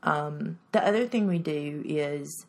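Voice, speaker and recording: A woman's voice: low-pitched, takes it slowly, gravelly. A woman, a mom co-hosting a podcast, earnestly giving parenting advice in casual chat. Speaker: podcast co-host.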